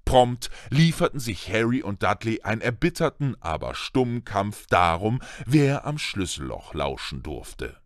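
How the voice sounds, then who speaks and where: A man narrating a children's fantasy audiobook in a slow, expressive storytelling manner. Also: lowish voice, dry recording, studio quality.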